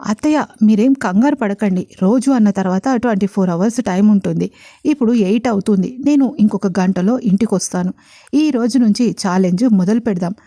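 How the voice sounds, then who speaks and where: A woman's voice: medium pitch, brisk, natural voice. Woman doing a witty young lady CEO. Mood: calm. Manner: calm, teasing, sarcastic.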